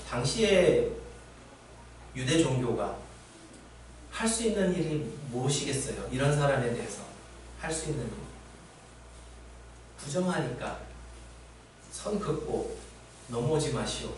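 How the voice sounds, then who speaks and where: A man's voice: mid-range voice, a little hiss or hum. A man preaching a sermon as pastor, speaking conversationally and asking the congregation rhetorical questions. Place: church sanctuary. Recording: very echoey church hall from far off.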